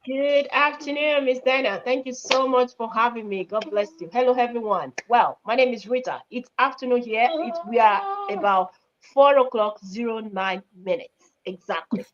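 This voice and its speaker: Courteous Nigerian woman, slightly high voice. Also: normal speed, muffled recording, a little hiss or hum. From Nigeria, Benin City. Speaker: panel guest. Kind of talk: live online panel chat.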